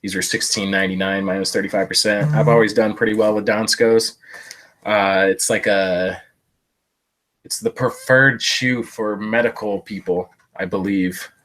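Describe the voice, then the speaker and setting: His slightly low voice is clogged with a cold as the thrift reseller chats through his haul for a live-stream audience, meandering, padding sentences with "uh" and mocking himself along the way. He keeps a moderate pace and fairly even intonation, sounding a bit bright, though the live-stream recording is low quality.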